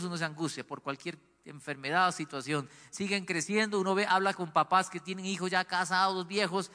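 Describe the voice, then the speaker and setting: A man preaching a sermon as pastor, asking the congregation lively rhetorical questions. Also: a little high, long reverb tail.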